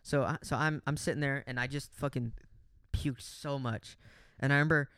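A man's voice: mid-range voice, moderate pace, no echo, clean studio sound. A young man co-hosting a podcast, telling a story in casual chat with lots of swearing and acted-out quotes of himself. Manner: animated, swears a lot, acts out his own lines. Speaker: podcast co-host.

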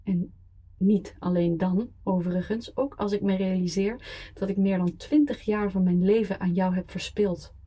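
A woman's voice: medium pitch, fairly even intonation, normal speed, dark tone, breathy edge, lightly acted. A woman voicing a cold, contemptuous ex-wife who speaks in a controlled, iron voice. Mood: icy contempt. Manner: controlled, icy, cutting.

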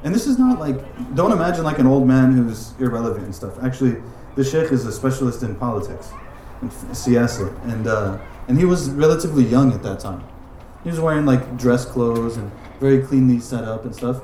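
A man's voice: mid-range voice, lively intonation, fairly quick, few pauses, dark tone, a little hiss or hum. A man teaching a religious lesson in a casual, conversational way, filling his talk with "like" and "right?" asides. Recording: roomy echoing room.

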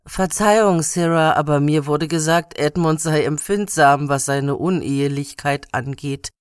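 A man's voice: a little high, a little slow, clear, resonant tone, no room sound, clean studio sound, lightly acted. A man reading a book excerpt and voicing a polite male castle guard in a courteous, mild way.

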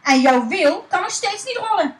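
Lady doing a squeaky flustered mayor's wife, rushing, storybook. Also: big pitch swings, roomy sound, far from the mic, poor audio. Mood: snippy. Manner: shrill and hasty.

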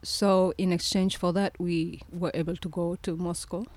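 A woman in her forties from Somalia, a guest on an interview podcast, telling her life story in a reflective way, often restarting her sentences and laughing softly. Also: lowish voice, little pitch movement, moderate pace. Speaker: guest, presidential candidate.

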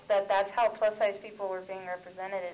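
Female panel guest, mid pitch, candid and chatty, faint ambience. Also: flat delivery, fairly quick, a little mellow, slight background noise, rough recording. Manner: candid, personal storytelling with filler words. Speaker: comic creator, panel guest. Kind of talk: panel talk at a convention. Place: convention panel room.

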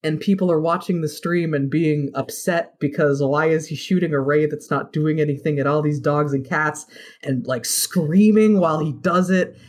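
A woman's voice: low-pitched, moderate pace, a little mellow. A woman in casual chat, recapping a video game's story with a co-host, swearing freely and acting out characters' lines. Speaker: podcast co-host recapping a game.

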